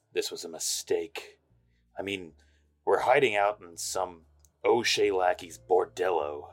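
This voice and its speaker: An actor playing a world-weary, sardonic hardboiled private eye in a noir audio drama. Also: male voice, deep voice, takes it slowly.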